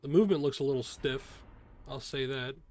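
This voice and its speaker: A man's voice: mid-range voice, fairly quick, a little mellow. A man giving casual, informal first-impressions commentary as a streamer, talking in a hesitant way. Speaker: video host, streamer reacting to a game trailer.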